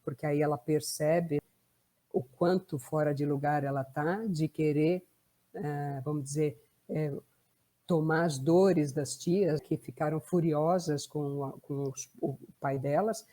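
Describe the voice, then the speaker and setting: Speaking slowly in a low, dark-toned voice with fairly even intonation, a Brazilian Portuguese-accented woman talks through a case. She is a family constellation therapist, and her explanation is conversational and sprinkled with tag questions.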